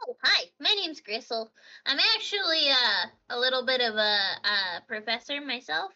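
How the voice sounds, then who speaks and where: Bright high-voiced teasing woman. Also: expressive, moderate pace, muffled recording, faint music behind. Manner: giggly, teasing. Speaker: player. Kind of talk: tabletop role-play over voice chat.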